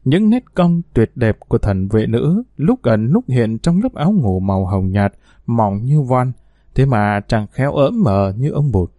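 Mellow-voiced male audiobook narrator. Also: medium pitch, big pitch swings, unhurried, no room sound, studio quality.

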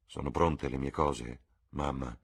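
A sullen, brooding young man, as a male reader gives him voice, blunt and grumbling. Very low and husky in tone. Storybook reading. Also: fairly even intonation, unhurried, exaggerated voice.

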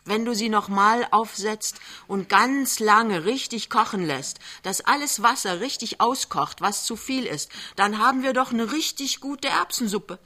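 A woman reading aloud who voices a worried, mild-mannered young clerk, speaking hesitantly and gently. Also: fairly high pitch, measured pace, few pauses, voice pushed up. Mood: reasoning. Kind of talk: literary reading on radio.

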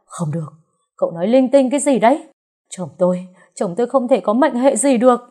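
A woman's voice: on the low side, normal speed, mellow, slightly rough. A woman voicing a desperate, grieving young wife who pleads through sobs, in a storybook reading. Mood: panicked. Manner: sobbing, pleading.

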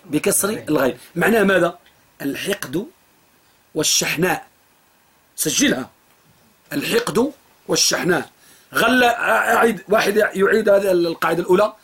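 A man's voice: high-pitched, fairly quick, pauses often, a bit bright. A man teaching a classroom jurisprudence lesson, repeating phrases and quizzing his students. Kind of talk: classroom lesson with drilling questions.

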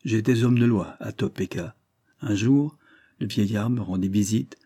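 A man reading the part of a smooth-talking adult male con man who spins his story in an earnest, persuasive way. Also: fairly low pitch, a little slow, warm tone, no echo, clean studio sound.

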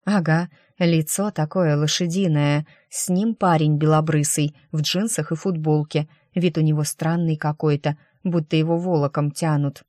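A narrator reading the lines of an excitable, curious young woman in an audiobook. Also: mid-range voice, moderate pace, few pauses, dry recording, clean studio sound, close to an everyday voice. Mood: reporting.

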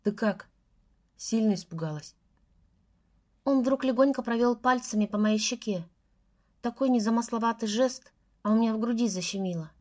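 A woman's voice: fairly high pitch, fairly even intonation, a little fast, a little mellow. A woman reading a novel aloud in the first person, with tense, intimate storytelling. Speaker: audiobook narrator.

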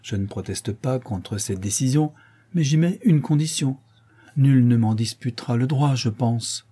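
A man voicing a proud, cold widowed marquise in an audiobook, speaking curtly and imperiously, raised well above his own voice, with a dark, husky tone. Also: on the high side, lively intonation, moderate pace, voice pushed up. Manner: curt and imperious. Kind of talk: audiobook character reading.

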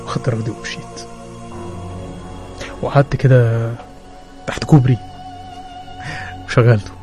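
A man with an Egyptian accent narrating a horror story in a lively way, stumbling over repeated words. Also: medium pitch, normal speed, soft background music. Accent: Egyptian Arabic.

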